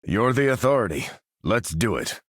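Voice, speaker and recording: An actor with an American accent playing a dutiful, resolute soldier who commands a superhero team in a video game, firm and plain-spoken. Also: male voice, fairly low pitch, sing-song, normal speed, a bit bright, no room sound, clean studio sound. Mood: grave, firm. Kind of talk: video game character voice lines.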